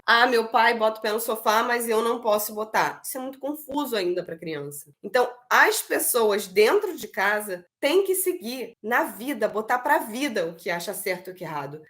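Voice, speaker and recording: A woman talking through parenting advice, breaking into playful high voices to act out what to say to a child. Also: a bit bright. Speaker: parenting educator.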